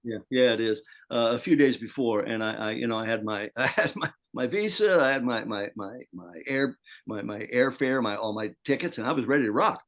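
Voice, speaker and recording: A man's voice: mid-range voice, brisk, fairly bright tone. Chatty older man, meandering actor. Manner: chatty, meandering with many restarts. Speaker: interview guest, actor and teacher. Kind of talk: casual video interview.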